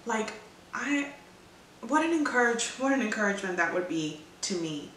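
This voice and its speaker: A woman's voice: fairly high pitch, sing-song, normal speed, a bit bright, distant mic, a little hiss or hum. A woman giving a casual, chatty devotional talk, rambling with fillers and restarts. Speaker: devotional vlogger. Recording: roomy echo from away from mic.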